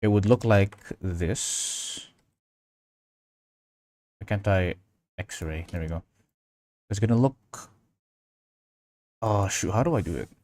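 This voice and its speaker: An Indonesian man hosts a casual livestream tutorial, taking it slowly with long pauses in a fairly low, slightly mellow voice. He thinks aloud as he works and reads and responds to the chat.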